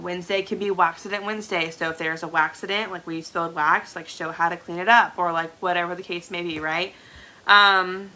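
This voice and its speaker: With a fairly low-pitched voice that sounds pushed and bright, a congested young woman leads a casual live training session for new sellers from her home, where a product shelf stands in the room. She's a direct sales team leader who keeps asking "okay?" to check in.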